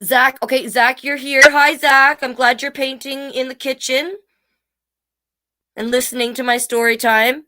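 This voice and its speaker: A woman with a high-sitting voice hosts a children's storytime, delivering picture books at a measured pace in a flat yet bright, forceful tone. She reads playfully and encouragingly, breaking off for chatty asides aimed straight at her young viewers.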